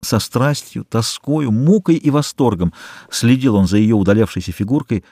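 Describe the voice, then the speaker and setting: A man narrating a novel as an audiobook reader, measured and calm. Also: mid-range voice, breathy edge, dry recording, studio quality.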